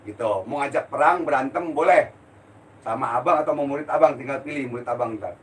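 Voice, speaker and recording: A blunt older man who sounds a little breathless, preaching without any gentleness in a forceful street manner. He is heard from some distance from the mic, with a faint hiss under the voice. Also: mid-range voice, fairly quick. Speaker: spiritual healer. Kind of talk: live-stream religious talk.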